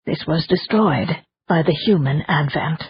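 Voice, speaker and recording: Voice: medium pitch, unhurried, husky, no room sound. A narrator voicing a scheming elderly woman leader who speaks formally and precisely, in an audiobook. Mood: insistent. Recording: dull lo-fi audiobook recording.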